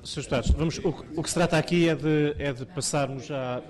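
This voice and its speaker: A man's voice: a little high, steady tone, quick pace, a little mellow. A man with a European Portuguese accent chairing a parliamentary committee meeting, formally calling speakers and running votes.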